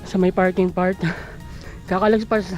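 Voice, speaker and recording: Casual Filipino vlogger, speaking breathlessly while running outdoors, middle pitch, cheering self on in short bursts over clear background music. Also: steady tone, moderate pace, darkish tone. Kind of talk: casual running vlog, talking to viewers while running. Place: outdoors along a roadside.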